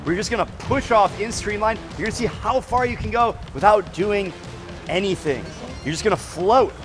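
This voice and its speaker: A swim coach and presenter in his thirties projects instructions as he leads a group through a demonstration at an outdoor swimming pool. His voice is high-pitched and moves at normal speed. Music plays in the background.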